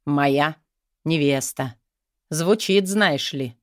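A woman reading the part of a teasing, tender young male demigod, speaking low and hushed. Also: extremely slow, no echo, studio quality. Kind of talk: audiobook character voice.

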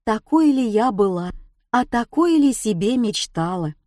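A woman playing a bitter, quick-tempered mother. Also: fairly high pitch, animated, dark tone, no room sound, studio quality, voice pushed up. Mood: angry. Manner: heated, exclaiming, complaining. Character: embittered middle-aged mother, quick-tempered.

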